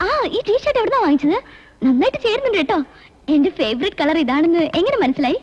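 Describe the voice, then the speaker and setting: A woman's voice: extremely high pitch, lively intonation, quick pace. An actress playing a cheeky young woman con artist, chatty and teasing in manner. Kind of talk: film acting. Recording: dull lo-fi film audio.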